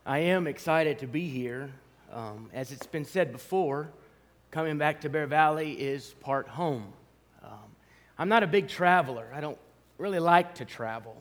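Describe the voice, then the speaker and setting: A man preaching as a guest speaker, telling stories in an animated way with self-deprecating humor. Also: on the high side, unhurried. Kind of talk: storytelling sermon. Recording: reverberant hall.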